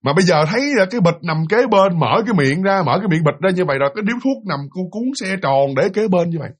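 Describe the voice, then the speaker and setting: A man tells a ghost story casually, chatting directly to his listeners. His voice is high, expressive, and slightly rough, and he talks quickly.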